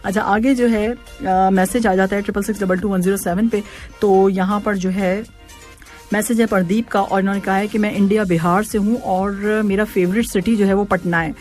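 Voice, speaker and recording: A woman hosting a radio show in a loose, chatty way, laughing easily and dropping English words into her talk. Her pitch sits in an ordinary middle range. Soft music runs faintly underneath. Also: fairly even intonation, normal speed. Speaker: radio host. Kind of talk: casual radio chat reading listener messages. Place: radio studio.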